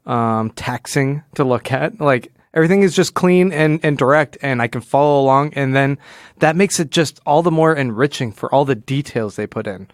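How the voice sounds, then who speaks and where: A podcast co-host talks casually and analytically, often rephrasing himself as he explains things. His voice is mid-range at a normal speed. The studio sound is clean and dry.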